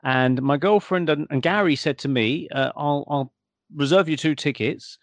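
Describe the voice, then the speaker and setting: A man's voice: on the high side, moderate pace, no room sound. A British man from the UK, telling a personal anecdote in casual conversation and acting out the quoted dialogue. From United Kingdom. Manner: animated anecdote teller who acts out quoted dialogue.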